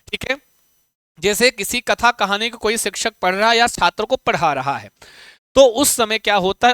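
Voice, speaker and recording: A man teaching Sanskrit in an exam-prep lesson, coaxing his students with questions and chanting verse slowly. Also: high-pitched, bright, forceful tone, smooth, dry recording.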